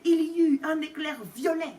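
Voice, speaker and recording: Woman storyteller reading aloud at a library, animated, high lively voice, mic far away. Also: normal speed. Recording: distant mic, faint room noise.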